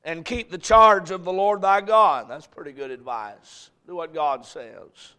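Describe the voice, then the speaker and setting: Guy pastor, kinda high smooth voice, echoey church hall, folksy sermon, gets louder on the bible verses. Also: a little slow. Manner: folksy, repeats phrases, swells when reading scripture aloud. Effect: echoey church hall sound. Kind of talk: sermon with scripture reading. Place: church sanctuary with congregation.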